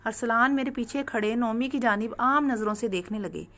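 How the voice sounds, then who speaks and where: A woman narrates a first-person story in a steady, earnest manner. Her voice sits fairly high. The reading is scripted and even. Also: normal speed.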